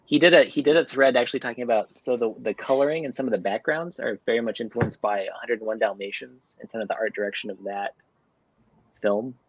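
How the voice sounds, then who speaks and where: A man's voice: medium pitch, fast talker, slightly rough. A man co-hosting a casual comics talk show, explaining artwork at length and laughing often. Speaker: comic podcast co-host. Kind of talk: casual chat. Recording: dull, lo-fi dry sound.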